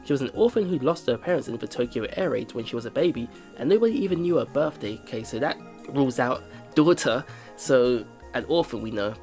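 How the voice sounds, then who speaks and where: Reading visual novel text aloud for a let's play, this man adds loose, excited commentary along the way. His mid-range voice is animated and fairly quick, darkish in tone, over a backdrop of game music.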